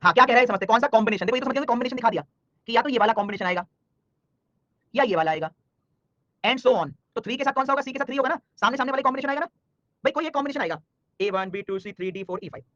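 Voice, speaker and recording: A man teaches a live online class at a rapid clip, his voice sitting high and bright. He teases and scolds students by name between problems. The sound is dry and a little dull, with no room around it. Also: animated, dry recording. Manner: fast, scolding-jokey teacher talk, addresses students by name. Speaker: online exam-prep teacher.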